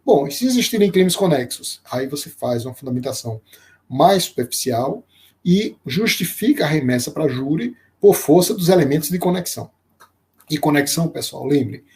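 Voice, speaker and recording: A man teaching a live-streamed law lecture, explaining slowly with frequent fillers and restarts and pausing to greet viewers by name. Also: a little high, expressive, a little mellow. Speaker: law professor.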